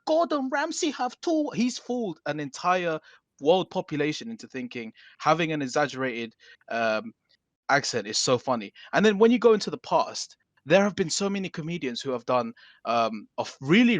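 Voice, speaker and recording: Animated, swearing male podcast host. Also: fairly high pitch, no room sound. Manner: animated, swears, frequent restarts. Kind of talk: casual podcast chat.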